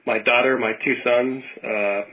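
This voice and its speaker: A man's voice: mid-range voice, fairly even intonation, measured pace. Rambling man in his fifties on a lo-fi line. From Western Pennsylvania. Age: 50s. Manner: rambling, warm storytelling with many restarts. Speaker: podcast co-host. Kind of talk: casual chat.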